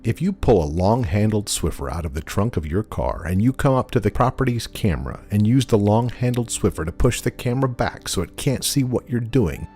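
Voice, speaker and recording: A man reading scripted, wry commentary as a video host, deadpan and mock-serious. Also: on the low side, a little fast, hardly any pauses. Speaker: narrator and host of a video compilation channel. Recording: voice-over with music behind.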